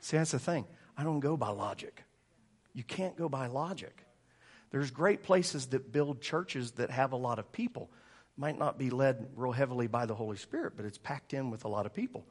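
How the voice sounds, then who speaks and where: A pastor, telling funny stories and laughing often. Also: male voice, mid-range voice, normal speed, husky. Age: 40s. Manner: joking, storytelling, laughing often. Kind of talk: sermon.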